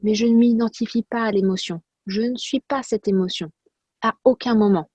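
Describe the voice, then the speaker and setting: A woman coach talks with bright energy, circling back to the same phrases and tossing out rhetorical questions. Her voice sits fairly high. The recording is dry, with almost no room sound. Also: steady tone, normal speed, slightly rough, no room sound. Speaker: personal development coach. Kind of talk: motivational talk to camera.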